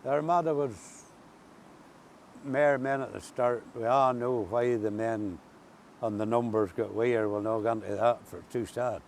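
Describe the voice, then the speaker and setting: Older man, rural Ulster accent, mid-pitched voice, casual storytelling, outdoor recording, faint background noise. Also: steady tone, unhurried, gravelly, a little mellow. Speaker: interview guest.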